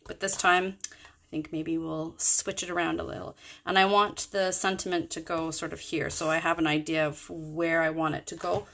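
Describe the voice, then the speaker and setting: A woman's voice: low voice, flat delivery, moderate pace, gravelly, fairly bright tone. A woman chatting through a card-making tutorial in a rambling, self-correcting way, with the hiccups. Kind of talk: casual craft tutorial.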